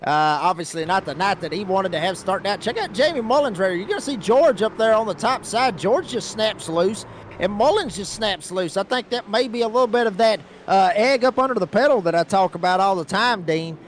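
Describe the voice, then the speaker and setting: A man's voice: high voice, expressive, a little fast, slight background noise. A man calling a race as lead commentator, with folksy, announcer-like play-by-play.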